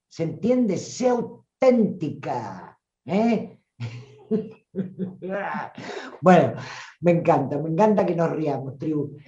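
A woman with a Rioplatense accent teaching a voice workshop, playful and animated, full of rhetorical questions. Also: fairly low pitch. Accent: Rioplatense Spanish. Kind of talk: lively teaching talk. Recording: roomy, dull lo-fi sound.

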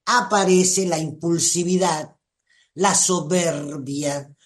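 Rioplatense accent, unhurried delivery, mid-pitched voice, gentle spiritual teacher answering listener comments live. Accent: Rioplatense Spanish. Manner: gentle, reflective, addresses listeners by name.

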